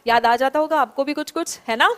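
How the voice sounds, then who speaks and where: Woman teacher, high voice, slow drilled example phrases, encouraging online class. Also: a bit bright. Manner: drills phrases slowly, praises students by name. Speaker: English teacher. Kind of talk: online spoken English class.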